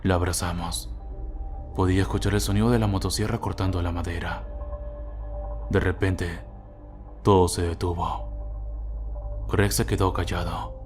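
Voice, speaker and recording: Deep male narrator, steady scripted horror reading over faint music. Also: normal speed, pauses often.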